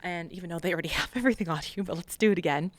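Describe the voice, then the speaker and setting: A military veteran from Long Island, New York talks rapid-fire in a fairly low voice, with no room sound. As a podcast interview guest, she is candid and emphatic, dramatizing remembered comments while telling her own story.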